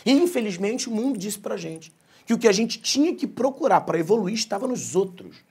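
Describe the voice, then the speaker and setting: Husky, fast-talking Brazilian man on stage. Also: high voice, very animated, a little mellow. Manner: jokey, swears freely, acts out family dialogue. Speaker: speaker giving a keynote talk. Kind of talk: comic storytelling keynote. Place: conference stage.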